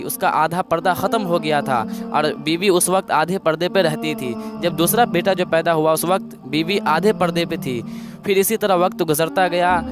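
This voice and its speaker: A male preacher tells a moral story from the pulpit in a slightly high voice. He moves through it plainly and circles back on the same phrases to stress them. Clear background music plays under him. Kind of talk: religious storytelling sermon.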